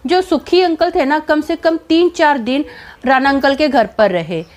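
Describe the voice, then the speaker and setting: A woman telling a personal story in a casual vlog, animated and dramatic, with many fillers. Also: sits high, unhurried.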